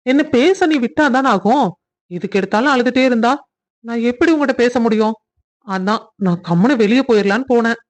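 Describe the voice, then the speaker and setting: A woman's voice: fairly high pitch, lively intonation, fairly quick, close to an everyday voice. Woman voicing a teasing young cartoon husband. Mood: playful. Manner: teasing, bossy. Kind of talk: cartoon family drama voice acting.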